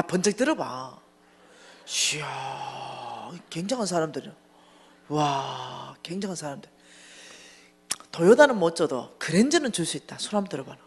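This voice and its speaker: A woman giving a lively, humorous testimony sermon in a church, acting out dialogue as she tells the story. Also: fairly low pitch, husky. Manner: animated storytelling, acting out dialogue, bursts of laughter. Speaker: church finance lecturer.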